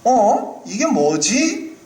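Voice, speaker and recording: A man's voice: very high-pitched, wildly swooping pitch, extremely slow, darkish tone, recorded from a distance, pitched above the performer's own voice, heavily acted. A man voicing an indignant young shepherd boy who questions what he hears in startled disbelief, in an echoey hall.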